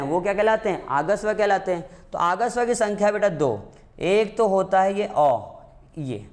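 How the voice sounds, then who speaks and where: High-voiced man teaching a grammar lesson. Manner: asks students questions and answers them himself; calls students "beta", repeats key points. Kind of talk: classroom-style exam prep lesson.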